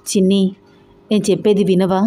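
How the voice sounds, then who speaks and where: A woman's voice: medium pitch, level tone, moderate pace, warm tone, close to an everyday voice. A woman voicing a young husband who pleads and tries to explain himself, in an emotional audio story. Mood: pleading.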